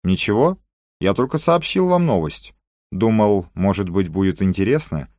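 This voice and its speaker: A man's voice: lowish voice, animated, normal speed, darkish tone, no room sound, studio quality, lightly acted. A man voicing a cautious Greek informant in an audiobook, passing on news in an offhand, matter-of-fact way.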